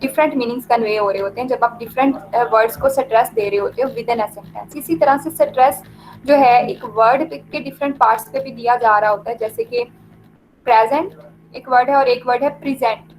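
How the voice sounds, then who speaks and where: A woman teaching an online lecture, explaining slowly with many fillers and mixing English terms into her Hindi. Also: a little high, slight background noise, poor audio.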